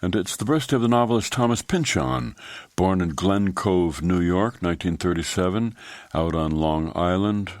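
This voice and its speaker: Low, unhurried older male radio host. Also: dry recording. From United States. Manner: unhurried storytelling delivery with long pauses. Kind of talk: scripted almanac narration. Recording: dry studio voice-over with soft music.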